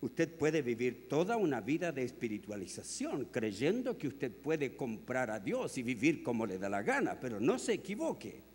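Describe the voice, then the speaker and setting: A man with a Chilean accent preaching a sermon, telling stories and swinging from hushed tones to loud, emphatic peaks. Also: medium pitch, sing-song, moderate pace, few pauses, slightly rough. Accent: Chilean Spanish. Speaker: pastor. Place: large convention hall. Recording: long hall reverb.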